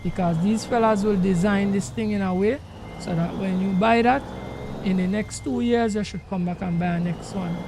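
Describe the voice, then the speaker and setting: A game livestreamer with a Jamaican accent talks to his viewers at normal speed in a steady, gravelly voice while driving a truck simulator. He keeps things casual but emphatic, repeating himself, and the game's engine noise rumbles loudly underneath.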